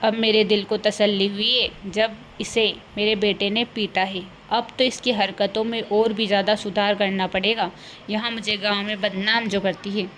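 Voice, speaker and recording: A woman's voice: medium pitch, little pitch movement, normal speed, fairly bright tone, a little hiss or hum, lightly acted. A woman voicing a scolding, greedy older village mother-in-law in a cartoon, bossy and scornful. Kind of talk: cartoon voice acting.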